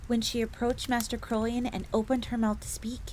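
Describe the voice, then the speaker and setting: A woman plays a genteel, eager and polite fox maid assassin in an audio roleplay, earnestly narrating the character's tale while referring to herself in the third person. Her pitch is fairly high and her tone level and a little mellow, at a slightly fast pace that stays close to an everyday voice. Behind her, a fire crackles.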